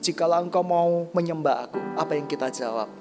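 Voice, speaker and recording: A sneering devil, voiced by a preacher in the middle of a sermon taunts a believer in a low, mocking tone. Soft instrumental music plays faintly behind. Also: fairly quick, close to an everyday voice. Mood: taunting.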